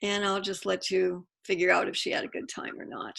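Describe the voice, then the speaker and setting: A woman's voice: medium pitch, level tone, a little fast, gravelly. A middle-aged woman author on a video call, talking in a chatty, self-interrupting way. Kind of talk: casual Zoom Q&A.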